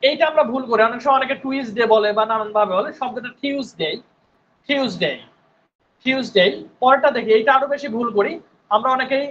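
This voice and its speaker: A man's voice: extremely high pitch, rapid-fire, a bit bright, lo-fi sound, a little hiss or hum. A male English teacher giving an online spoken English class, patiently repeating words and often checking in with his students.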